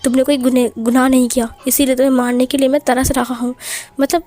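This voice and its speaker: A woman's voice: high-pitched, little pitch movement, fast talker, dark tone, close to an everyday voice. A woman voicing a short-tempered young male mafia boss who snaps and threatens. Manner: snapping, threatening, bossy.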